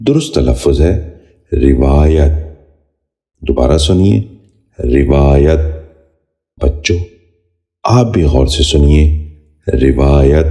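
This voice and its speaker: A man narrating a scripted pronunciation lesson, slowly drilling each word and repeating it, with formal, polite address to viewers and children. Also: extremely low pitch, mellow. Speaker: Urdu pronunciation teacher.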